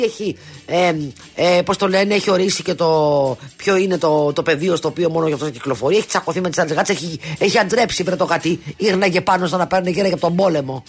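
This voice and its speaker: A woman co-hosting a talk show, telling animated anecdotes in casual chat with many restarts and quoted asides. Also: fairly low pitch, slightly rough.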